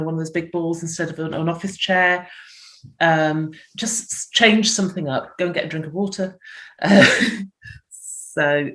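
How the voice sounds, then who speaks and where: A woman's voice: low voice, fairly bright tone. A middle-aged woman from the UK, a physiotherapist, giving health tips in a chatty interview and voicing little inner thoughts as she explains. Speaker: physiotherapist guest.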